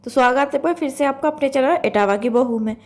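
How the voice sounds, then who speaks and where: Hoarse stuffy-nosed woman chatting. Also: high voice, fast talker, darkish tone. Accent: Uttar Pradesh Hindi. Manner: chatty, rambling, full of fillers. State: hoarse, blocked nose from a cold. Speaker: vlog host. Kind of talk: casual cooking vlog voice-over.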